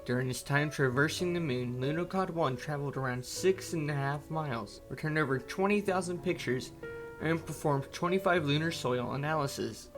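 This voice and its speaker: A man presenting a scripted history segment on a school show in a steady reading voice. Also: medium pitch.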